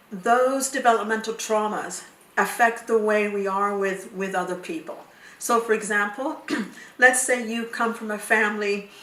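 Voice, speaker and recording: A woman counsellor talks through her subject in a calm, measured, explanatory way. Her voice sits at an ordinary middle pitch. The mic is some distance away, and the room adds a noticeable echo. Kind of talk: explaining to camera.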